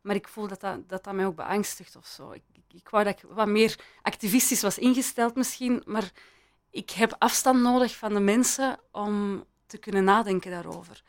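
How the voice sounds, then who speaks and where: A woman's voice: medium pitch, normal speed. A woman speaking as an interview guest, thoughtful and hesitant, with frequent restarts and laughs. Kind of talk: reflective interview talk. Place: in Belgium.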